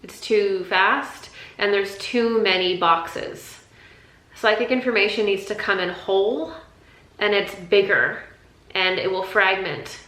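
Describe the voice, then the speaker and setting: Woman, casual spiritual teacher; bright, clear-edged tone; rambling conversational delivery; roomy echo. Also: medium pitch, takes it slowly. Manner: rambling, conversational, repeats words and restarts. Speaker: intuition teacher.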